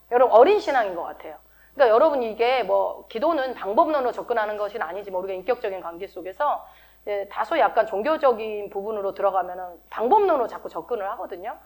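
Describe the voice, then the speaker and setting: A middle-aged woman pastor giving a sermon in a conversational way, often asking her listeners questions. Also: fairly high pitch. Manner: conversational, asks the congregation many questions.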